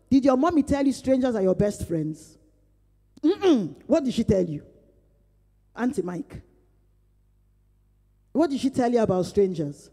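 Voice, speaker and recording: This woman's voice is fairly high and warm as she teaches a Bible study in a conversational way. As a pastor, she speaks with earnestness, says key phrases more than once for emphasis, and recites her personal prayers aloud, all captured with the echo of a church hall.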